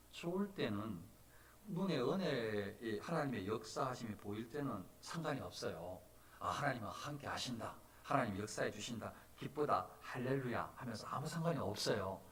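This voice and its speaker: A man preaching a sermon as pastor, animated, moving from soft talk to loud cries. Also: mid-range voice, distant mic, slight background noise. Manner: animated, swings from soft to shouting. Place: church sanctuary.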